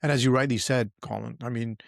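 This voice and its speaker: A man co-hosting a history podcast in casual chat, measured and reflective. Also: mid-range voice, steady tone, creaky, dry recording, studio quality. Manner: reflective, measured, breaks into laughs. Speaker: podcast co-host.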